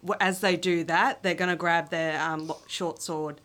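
A woman's voice: fairly low pitch, steady tone, moderate pace, fairly bright tone. A woman playing a tabletop game, describing her character's actions bluntly and with a lot of swearing. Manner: blunt and profane. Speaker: player.

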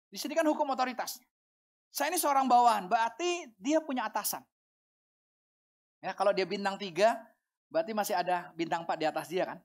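A woman pastor preaching a sermon, animated and rising to shouts for emphasis. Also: medium pitch, fairly quick, pauses often.

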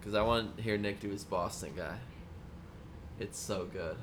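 A man's voice: on the low side, normal speed, slight background noise. A man hosting a casual podcast chat, swearing and laughing a lot.

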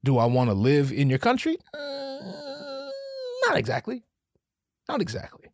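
A high-sitting, gravelly male voice with huge pitch swings moves at an unhurried pace. He hosts a solo comedy podcast and hails from the Pacific Northwest of the US West Coast, rambling profanely with many restarts. The studio sound is clean and free of room tone.

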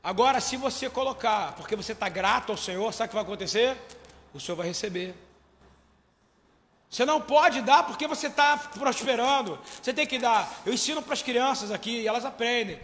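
A man preaching a sermon, questioning his congregation and swelling to shouts. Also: extremely high pitch, animated, a little fast, long reverb tail. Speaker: pastor.

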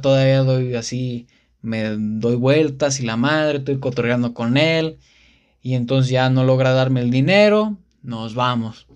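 Rambling Mexican man telling a story. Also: mid-range voice. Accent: Mexican Spanish. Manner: rambling, slangy, strings events with repeated connecting words. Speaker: podcast host. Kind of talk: casual storytelling.

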